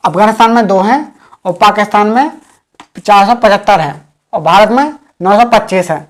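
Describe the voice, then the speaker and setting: Woman lecturing for exams, says stuff twice, asks questions then answers them. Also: medium pitch. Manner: repeats key points slowly, drilling with questions. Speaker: teacher. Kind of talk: exam-prep history lecture.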